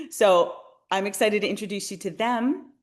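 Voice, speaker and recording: A woman in her forties from Canada, a realtor hosting a webinar, who talks in a friendly, enthusiastic way and speaks straight to her viewers. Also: medium pitch. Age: 40s. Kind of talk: upbeat webinar presentation.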